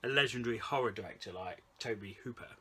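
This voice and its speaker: A man's voice: fairly low pitch, fast, pushed and bright, breathy edge. A man co-hosting a movie vlog, chatting casually about a convention haul in a rambling, chatty way. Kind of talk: casual chat.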